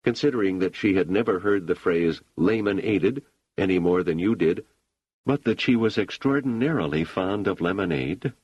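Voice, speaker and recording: A man reading an audiobook, voicing a calm, probing woman who talks in a measured, persistent way. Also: deep voice, breathy edge, no echo, muffled recording. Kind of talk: audiobook character voice.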